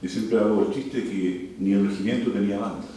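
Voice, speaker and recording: An older Chilean man from Santiago, in his 60s or beyond, delivers a formal prepared speech with occasional asides as a university leader addressing a cultural forum. His voice is fairly low, warm, and fairly quick, with fairly even intonation. He's captured from a distance in a very echoey indoor hall, with faint background noise.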